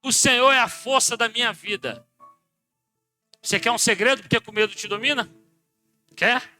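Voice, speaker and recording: High, bright-voiced Brazilian pastor preaching. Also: male voice, moderate pace, faint music behind. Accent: Brazilian Portuguese. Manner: animated preaching, swings from shouting to near-muttered asides, acts out dialogues. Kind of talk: sermon. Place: church.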